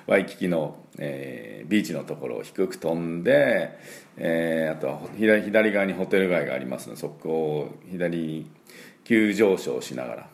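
A Japanese-speaking man teaching English pronunciation, repeating each sound slowly for learners and filling pauses with "um" and "well". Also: sits low, creaky, darkish tone. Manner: frequent fillers "えー" and "まあ". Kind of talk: pronunciation lesson.

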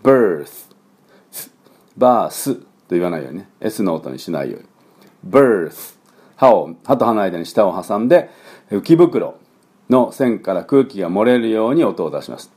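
Chatty teacher, lively pitch. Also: male voice, husky. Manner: coaching learners to repeat, demonstrating sounds slowly; many fillers, relaxed and chatty. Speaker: English conversation teacher. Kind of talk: pronunciation lesson.

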